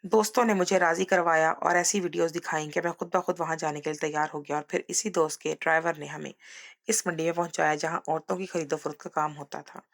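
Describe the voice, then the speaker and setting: A woman narrating a scripted first-person story at a slow, measured pace. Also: sits low, fairly even intonation, gravelly.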